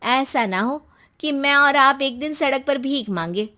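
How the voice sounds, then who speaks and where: Lady doing a scheming greedy daughter in a moral story, really high voice, pushy and full of hints. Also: expressive, unhurried, bright, forceful tone, exaggerated voice. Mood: alarmist, pressing. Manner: insistent, insinuating. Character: scheming, greedy young daughter poisoning her family.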